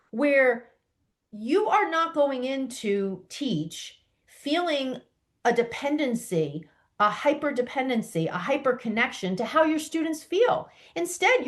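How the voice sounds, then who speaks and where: A middle-aged woman hosting a solo podcast, coaching yoga teachers in an earnest, emphatic way with many rhetorical questions to the listener. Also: high-pitched.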